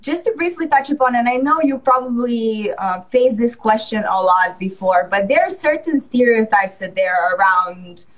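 A woman host asking questions in a warm-hearted, encouraging, chatty way. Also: on the high side, normal speed, few pauses, poor audio. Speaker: podcast host. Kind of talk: casual interview chat.

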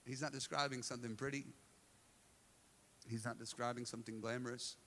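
A man preaching a live church sermon as pastor, animated and joking, swinging between loud acted-out dialogue and quiet intensity. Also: medium pitch, slight background noise. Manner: drops to quiet, slow, intense delivery; jokes with the congregation. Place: church service.

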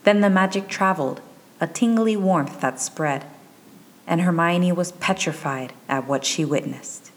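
Low-voiced woman reading a story. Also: measured pace. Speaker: audiobook narrator. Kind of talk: scripted fiction narration.

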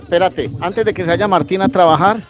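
A man reporting live on location for a radio show, lively as he coaxes people over to interview them. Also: sits high, fairly quick, music in the background. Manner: lively, coaxing guests.

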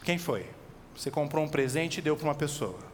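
A man with a Brazilian accent preaching an expository sermon, animated, asking his listeners direct questions and slowing down on key words. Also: a little high. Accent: Brazilian Portuguese. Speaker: pastor. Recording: long reverb with faint background noise.

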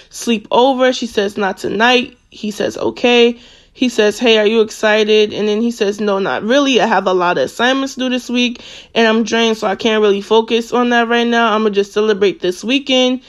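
A social media commentator speaks casually at a medium pitch, reading a series of text messages aloud with plenty of fillers and self-corrections.

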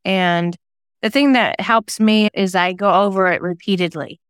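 This woman's mid-range voice is clean and steady, moving at a moderate pace in a dry studio recording. As an interview guest, the former radio DJ turned singer-songwriter and novelist thoughtfully recounts stories from her creative life.

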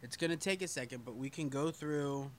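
A man's voice: a little high, fairly quick, slight background noise. A man hosting a podcast live stream, chatting casually and reading viewer comments aloud, loose and self-deprecating, with the odd curse word.

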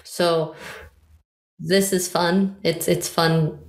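A woman's voice: lowish voice, level tone, extremely slow, echoey room. A woman co-hosting a casual chat about TV shows, enthusiastic and full of fillers. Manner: enthusiastic, chatty, many fillers. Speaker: podcast co-host.

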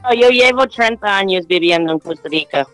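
Middle-aged American woman, English native, smooth resonant voice, calm and unhurried, dry close sound. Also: mid-range voice, no echo, soft background music, poor audio. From United States. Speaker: guest astrologer and yoga teacher. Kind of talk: remote interview over a call.

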